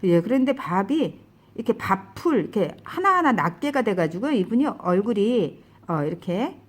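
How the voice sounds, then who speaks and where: A woman casually recounting a dream as a testimony, describing it with lively gestures and frequent exclamations. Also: medium pitch, normal speed.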